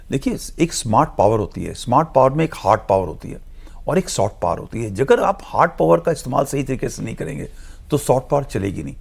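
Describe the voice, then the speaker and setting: A man's voice: mid-range voice, creaky, darkish tone. A man speaking as a studio guest analyst in a discussion, explaining earnestly and emphatically, mixing English phrases into his talk.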